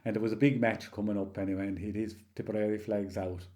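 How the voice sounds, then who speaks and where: A man in his sixties with a rural County Limerick Irish accent, telling anecdotes in a halting, rambling, casual way. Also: lowish voice, level tone, mellow. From County Limerick, Ireland. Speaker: interview guest, local storyteller. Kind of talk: oral history reminiscence, casual storytelling.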